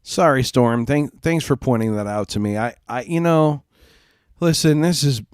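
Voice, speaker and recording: His voice is mid-range and smooth at a normal speed as he chats casually on a live gaming stream, congested and nasal from a cold. He rambles and apologizes, using many fillers and restarts. The home streaming mic gives a dry, clean studio sound.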